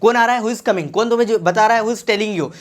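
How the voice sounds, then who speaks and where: A man's voice: high-pitched, brisk. A man teaching English grammar with an Indian accent. He repeats each practice sentence several times, then asks the class questions and answers them himself.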